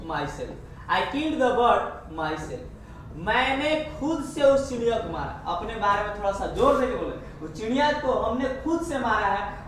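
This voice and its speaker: A man teaching an English grammar lesson, explaining step by step and repeating each example slowly. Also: extremely high pitch, fairly bright tone. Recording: echoey room, far from the mic, faint hiss.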